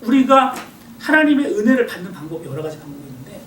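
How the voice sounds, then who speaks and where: A middle-aged male pastor giving a sermon lecture in a church hall, acting out inner voices and swinging between loud and quiet. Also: high-pitched, big pitch swings, fast talker. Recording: echoey hall, voice from far off, faint hiss.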